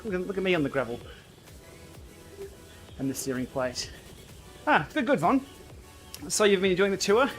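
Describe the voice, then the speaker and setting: Guy streaming a cycling game, kinda high voice, bantering and thinking out loud, faint music behind. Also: very animated, normal speed, long pauses, rough recording. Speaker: livestream host. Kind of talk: casual livestream chat while riding indoor cycling game.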